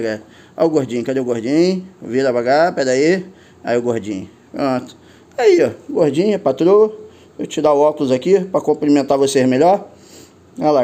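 An older man with a Carioca accent, narrating his drone vlog in an excitable, slangy way, laughing often and calling out to his viewers. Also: mid-range voice. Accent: Carioca Portuguese. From Rio de Janeiro, Brazil. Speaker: drone vlogger.

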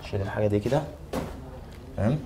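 Rapid-talking Egyptian prankster, deadpan and provoking. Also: male voice, fairly low pitch, a little hiss or hum. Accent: Egyptian Arabic. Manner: calm, provoking deadpan with insults. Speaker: hidden-camera prankster posing as a hairdresser. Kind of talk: hidden-camera prank. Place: hair salon.

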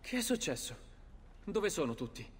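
A young nobleman in a game drama, anxious and protective of his family. His fairly high voice swings widely in pitch, in a reverberant hall with music. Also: sing-song, normal speed, breathy edge, heavily acted. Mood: alarmed, searching. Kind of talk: dramatic video game dialogue.

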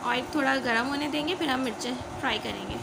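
A fast-talking Pakistani woman with a high voice and some vocal fry narrates a step-by-step recipe for her home cooking channel, homely and chatty, peppering her talk with "see" for viewers. The noisy home phone recording comes from a phone or camera aimed down at her kitchen countertop.

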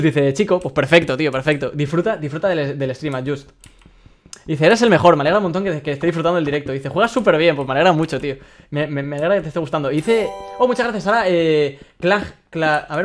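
A young man with a Spain Spanish accent hosts a live game stream, reading viewer messages aloud. He talks very quickly in a slightly high voice, excitable and quick to laugh. He often stumbles and repeats words as he goes.

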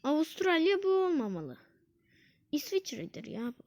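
A woman narrates her own gameplay in casual let's-play commentary. Her voice sits very high and swings up and down a lot. She repeats words over and over and slips into whiny complaints. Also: normal speed. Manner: excitable, repeats words, whines when losing. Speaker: gaming channel host.

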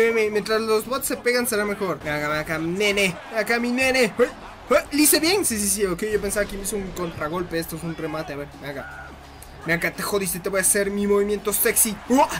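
A man giving casual gameplay commentary, excitable, laughing often and shrieking when hit. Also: high-pitched, noisy background. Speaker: gaming commentator.

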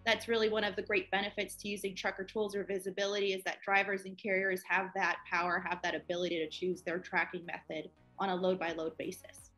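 A woman's voice: medium pitch, flat delivery, a little fast, few pauses, a bit bright, faint music behind. A woman in her twenties, a guest on a company interview, explaining eagerly over a video call. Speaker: project manager guest.

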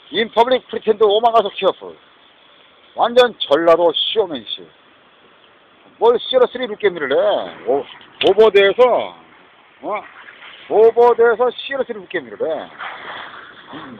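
A man talking in a rambling, repetitive monologue, mixing Korean and English, recorded outdoors near a street. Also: high voice. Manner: mixes Korean and English, repetitive, agitated asides. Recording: tinny phone-like audio with faint noise.

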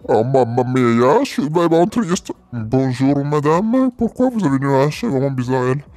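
A man's voice: medium pitch, big pitch swings, moderate pace, darkish tone, no room sound, close to an everyday voice. A man voicing a gloomy, sad male client with mock-Italian exclamations in a comedic game role-play. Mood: mournful.

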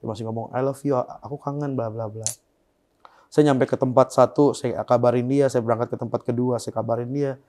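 Fast-talking young man, soft and subdued. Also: medium pitch, fairly even intonation. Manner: soft, subdued, often trailing off quietly. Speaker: guest. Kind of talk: emotional interview storytelling.

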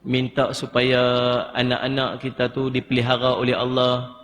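A man's voice: mid-range voice, completely flat delivery, normal speed, a bit bright, in a large hall, slight background noise. A man with a northern Malay Kedah accent giving an emotive religious lecture in a mosque, coaxing his audience. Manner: emotive, coaxing, acts out tearful pleading prayers. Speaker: religious teacher. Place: mosque hall.

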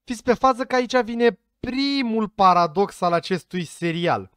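A man's voice: sits high, lively intonation, background noise. A man giving casual commentary to his viewers, chatty and speculative, sometimes tripping over names. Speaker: vlogger reacting to a series trailer.

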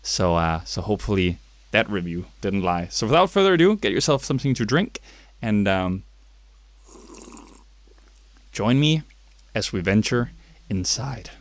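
Speaking at normal speed with a lowish, very animated voice, this young adult gaming YouTuber from Denmark has a Danish accent. He does let's play commentary indoors at his home gaming setup, tossing in jokey jabs at himself. There's no room sound at all.

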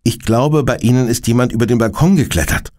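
A man voicing a shrewd, polite police inspector in a children's radio play, talking briskly. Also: medium pitch, darkish tone, voice pushed up, lightly acted. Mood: urgent. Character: shrewd middle-aged male police inspector.

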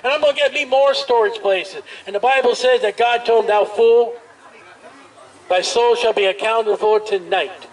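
A high-pitched male street preacher shouts emphatically through a portable speaker, stretching out hammering phrases in open-air preaching. The setting is a busy street festival, recorded from a distance with ambient noise around him.

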